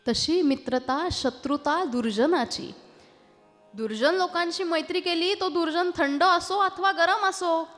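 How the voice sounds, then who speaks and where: A woman with a Marathi accent performing a devotional kirtan in a temple, a lively talk that breaks into sung verses and teases the audience into answering back. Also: high-pitched. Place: temple hall. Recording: reverberant hall with faint music.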